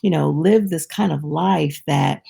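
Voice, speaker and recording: Gravelly woman retelling a parable. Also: sits low, a little slow. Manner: lively storytelling, frequent restarts, personal asides. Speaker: inspirational speaker. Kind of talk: devotional teaching, retelling a parable.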